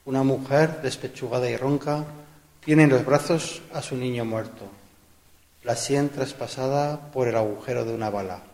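A man's voice: mid-range voice, steady tone, normal speed, darkish tone, natural voice. A man narrating literary scene descriptions for a radio drama. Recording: reverberant hall.

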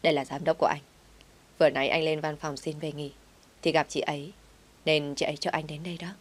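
A woman voicing a gentle, devoted young husband who speaks softly and reassuringly to his wife. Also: a little high, flat delivery, fast, close to an everyday voice. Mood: anxious. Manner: soft, soothing, reassuring.

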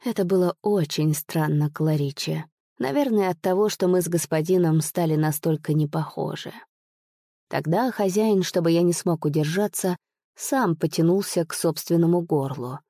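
A woman narrating an audiobook in an expressive, measured storytelling manner. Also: lowish voice, no echo, clean studio sound. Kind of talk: audiobook reading.

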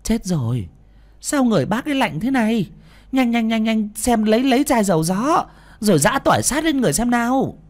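A man's voice: very high-pitched, sing-song, brisk, voice pushed up. A man doing an urgent bossy village woman.

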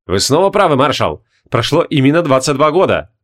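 A man voicing a calm, courteous middle-aged king who speaks in a measured, formal way. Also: a little high.

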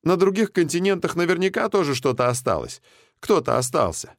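A man voicing a jumpy, anxious male biologist in a high, excitable voice. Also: fairly quick, no echo, clean studio sound. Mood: hopeful.

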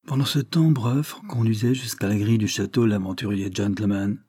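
A man reading an audiobook in steady, measured narration. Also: on the low side, slightly rough, no room sound, studio quality.

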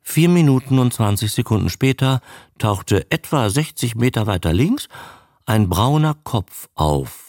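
Slow, gravelly male radio storyteller. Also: medium pitch, no echo, clean studio sound. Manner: measured, expressive storytelling. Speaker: narrator. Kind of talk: radio audiobook reading.

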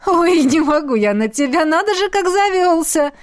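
A woman reading aloud voices a blunt, teasing young woman fighter in a storybook, speaking loudly and mockingly. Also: sits high, big pitch swings, unhurried, pitched above the performer's own voice. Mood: boisterous.

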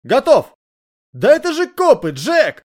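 A man voicing a brash, eager male police partner with quick, blunt lines. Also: very high voice, huge pitch swings, voice pushed up, heavily acted.

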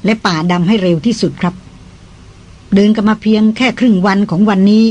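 A reader doing a polite, reassuring jungle guide. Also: male voice, high voice, fairly quick, darkish tone, slightly rough. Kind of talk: audiobook dialogue.

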